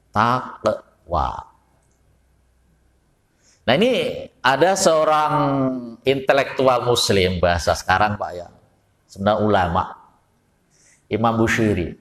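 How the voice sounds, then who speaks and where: Javanese preacher in a reverberant mosque. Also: male voice, medium pitch. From Java. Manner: folksy, asks the audience questions. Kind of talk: mosque study sermon. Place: mosque hall.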